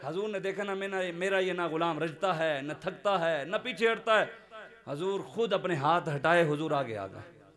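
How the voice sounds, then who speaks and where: High-voiced fervent Punjabi-accented preacher. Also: male voice, expressive. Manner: fervent, swinging between loud declarations and hushed storytelling. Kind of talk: sermon at a religious gathering. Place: devotional gathering.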